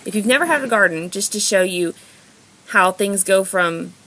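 An expressive American woman with a mid-range voice chats at normal speed, giving a casual haul voice-over as a home vlogger. She films her items on a phone or handheld camera. The recording is amateur, noisy, and clicky.

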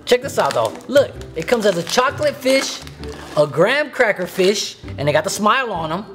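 A man's voice: sits high, big pitch swings, moderate pace, fairly bright tone, soft background music. A man in his twenties with an American accent hosting a casual food taste test in a joking, rambling, profane way. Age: 20s. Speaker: YouTube video host. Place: home kitchen, indoors.

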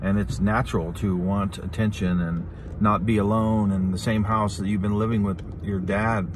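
A middle-aged man talking casually and candidly to a phone in a parked car, confiding and halting, with pauses and repeats. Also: fairly low pitch, steady tone. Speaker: vlogger, channel host. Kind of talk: casual, candid talk to the camera. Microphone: phone at arm's length. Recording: noisy in-car phone recording.

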